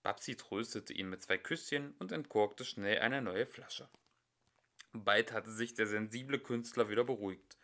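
A man reads a children's storybook aloud at home as an amateur. His voice is bright and forceful, and his reading is plain and unpolished, with a slip here and there. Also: lowish voice, unhurried. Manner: unpolished reading with occasional slips and fillers. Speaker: amateur audiobook reader. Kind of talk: storybook narration.

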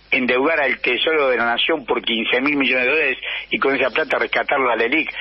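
A man's voice: mid-range voice, husky. Rioplatense man explaining economics by phone. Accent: Rioplatense Spanish. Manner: steady explanatory delivery, listing names. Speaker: economics commentator. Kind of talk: radio phone interview. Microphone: phone line into radio studio. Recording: muffled phone line on radio.

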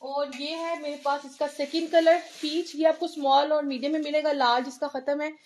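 A high, bright-pitched woman with a Pakistani Urdu accent runs a live online clothing sale. She rattles through sizes and prices in a brisk, chatty seller's patter, greeting viewers as she goes. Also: flat delivery. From Lahore, Pakistan. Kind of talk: live-stream sales patter.

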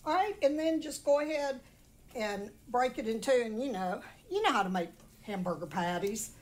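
A woman's voice: a little high, animated, normal speed. A woman with a Southern US accent gives a casual cooking tutorial in a folksy, chatty way. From southern United States. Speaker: home cook presenting recipes. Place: home kitchen, indoors. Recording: home video with faint kitchen noise.

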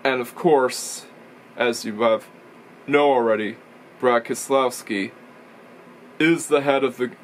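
Taking it slowly with long pauses, a young man with a medium-pitched voice talks casually to camera about racing videos. He rambles and corrects himself in typical vlog commentary. In a small indoor room filled with toy shelves, a camera or webcam in front of him yields a low-quality recording with slight background noise.

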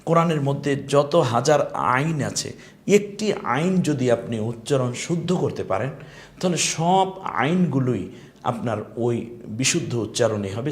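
A man at a middle pitch teaches Quran reading in an online lesson, speaking very slowly. He is patient and encouraging, stretching out Arabic letter sounds so learners can repeat them. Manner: encouraging, addresses students politely.

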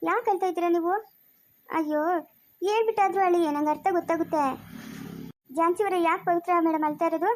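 A woman playing a poor, gentle young male hotel worker who talks in a soothing, coaxing way in a family skit. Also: very high voice, quick pace, long pauses. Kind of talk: amateur family skit acting.

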